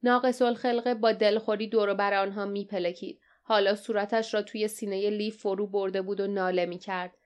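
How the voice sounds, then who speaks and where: A woman narrating an adventure audiobook with steady, measured storytelling. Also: mid-range voice, clear, resonant tone. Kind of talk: scripted narration.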